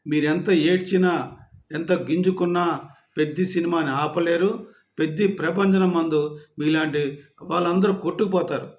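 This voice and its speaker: A man's voice: a little high, fairly even intonation, moderate pace. Indignant man ranting, echoey room. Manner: indignant, scolding, rhetorical questions. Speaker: social media commentator. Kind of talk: angry direct-to-camera rant.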